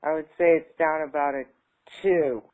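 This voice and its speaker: In a tapping session, a woman with a low, steady, somewhat dark voice repeats affirmations back at a moderate pace. When she moves into casual talk, she speaks hesitantly and fills her sentences with fillers.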